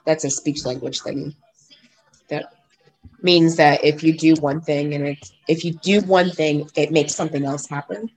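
A woman podcast host who has lost her voice, talking in a hoarse, raspy, whispery way as she casually interviews children. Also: low-pitched, steady tone, unhurried, darkish tone, low-quality recording.

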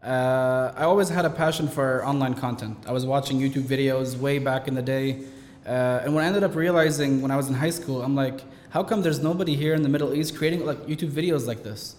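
A man, a company founder telling his story as an interview guest in lively, casual chat full of quoted asides. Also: medium pitch. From Canada. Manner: fast, animated storytelling with many likes and quoted asides. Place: event venue in Dubai. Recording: roomy hall reverb.

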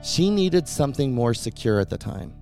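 Warm-voiced guy host narrating, reflective, soft guitar underneath. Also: mid-range voice, sing-song, moderate pace. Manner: reflective, explanatory. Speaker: podcast host. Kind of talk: narrated storytelling.

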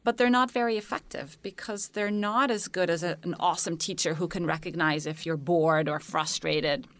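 Her voice on the low side and fairly bright, the Egyptian tech founder keeps a steady tone and moderate pace as a panel guest. She explains her ideas enthusiastically and articulately, drawing on many examples.

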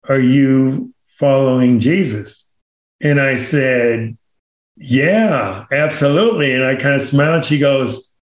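A man sharing his faith testimony as a guest in casual talk, earnest and unhurried, with many fillers. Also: medium pitch. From Omaha area. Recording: roomy echo.

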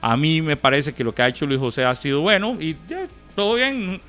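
A man with a bright, forceful, slightly high voice on a football panel. He lays out his view in a reasoned, matter-of-fact way. Soft music plays faintly behind him. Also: expressive, fairly quick. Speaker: sports panelist. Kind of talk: panel debate and ad read.

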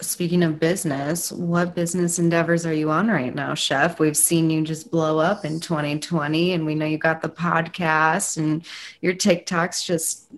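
Woman host just chatting unscripted, kinda low voice, pretty flat delivery, casual interview talk. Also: normal speed.

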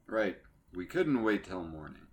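A man's voice: low voice, very animated, measured pace, darkish tone. A man playing a tabletop game and speaking in character in a direct, earnest way. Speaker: player.

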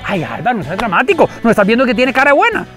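A man voicing a fearless, calm woman who coaxes wild animals, soothing and gently teasing. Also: extremely high pitch, fast talker, soft background music, exaggerated voice. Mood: coaxing.

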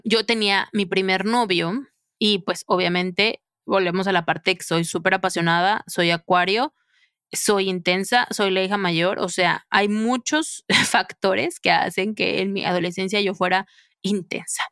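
A woman hosting a podcast, telling a personal story in a chatty, expressive way with lots of filler phrases. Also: mid-range voice, measured pace, smooth, no room sound, clean studio sound. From Mexico. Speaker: podcast host.

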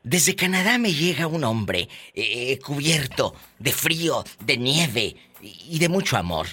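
A man's voice: medium pitch, very animated, a little slow, very noisy. A man with a Mexican accent hosting a live call-in radio show, teasing callers in a flamboyant, theatrical way.

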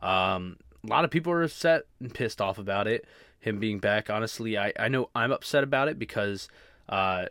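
A man hosting his own podcast in casual solo chat, rambling and halting, with many fillers and restarts. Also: lowish voice, expressive, fairly bright tone, no echo, clean studio sound. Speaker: podcast host.

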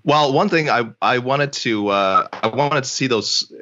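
A man's voice: medium pitch, a little slow, sharp tone, dull audio. A man co-hosting a casual chat over a video call with a bad connection. He rambles, with restarts and fillers. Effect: breaking-up bad internet connection. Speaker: co-host asking the guest questions.

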